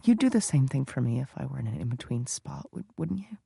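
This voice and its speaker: A man reading a gentle British husband. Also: mid-range voice, sing-song, quick pace, creaky, slightly rough, no echo, clean studio sound, heavily acted. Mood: soothing. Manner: quiet, soothing.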